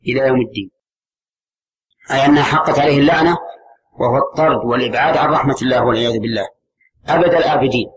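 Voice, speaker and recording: Male scholar, steady lecturing voice, repeats key terms, faint hiss behind. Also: mid-range voice, rough recording. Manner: measured, repeats key terms, asks the class questions. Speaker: Islamic scholar teaching a class. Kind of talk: religious lesson commentary.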